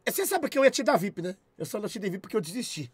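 A young man with a Brazilian accent, chatting on a live stream, loud and profane, shouting thanks at his chat. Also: sits high, big pitch swings, very fast, breathy edge, no room sound. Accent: Brazilian Portuguese.

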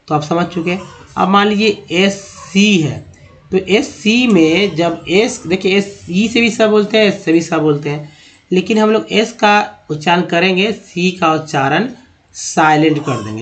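A middle-aged man teaching English pronunciation as a lesson, repeating words and answering his own questions. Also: fairly high pitch. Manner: repetitive, drilling, asks and answers own questions. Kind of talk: classroom-style lesson on pronunciation.

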